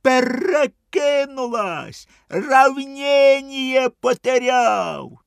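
A man voicing his tipsy, clumsy hunter friend, who yells from a distance and stammers sheepishly. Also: fairly high pitch, animated, slow, no echo, clean studio sound. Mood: panicked shouting. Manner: shouting from afar, then stammering.

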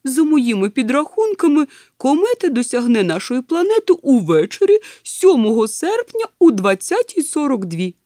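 A woman's voice: sits high, very animated, normal speed, hardly any pauses, warm tone, no echo, clean studio sound, pitched above the performer's own voice. A woman doing an eager absent-minded professor. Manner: precise, eager lecturing. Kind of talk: storybook reading.

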